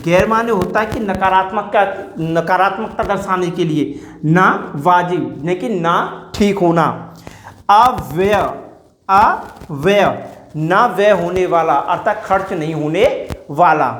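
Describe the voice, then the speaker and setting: Slow, deliberate male teacher in an echoey room. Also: high-pitched. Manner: slow, drawn-out repetition of example words; asks and answers his own questions. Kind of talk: classroom grammar lecture.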